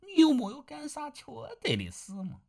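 A woman's voice: high-pitched, huge pitch swings, normal speed, warm tone, voice pushed up, exaggerated voice. A woman voicing a blunt young village wife who teases and scolds her husband. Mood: coaxing. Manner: teasing, scolding.

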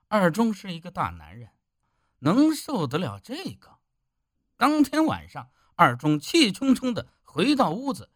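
A man reads a village story aloud at an unhurried pace. His pitch rises and falls with the drama. The recording is close and dry. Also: no echo. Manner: slow, emphatic storytelling. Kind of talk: audiobook narration.

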